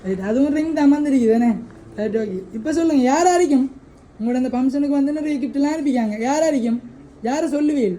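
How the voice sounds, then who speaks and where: A woman runs a birthday surprise, coaxing a child with repeated questions. Her voice is high and quick, with a mellow tone. There is faint background noise. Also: poor audio. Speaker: surprise delivery host.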